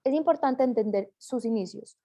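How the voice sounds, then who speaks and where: A woman reads out a class presentation in a mellow, warm tone. Her pitch sits a little high, and she stumbles now and then and corrects herself mid-sentence. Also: normal speed. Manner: reads aloud with small slips and self-corrections.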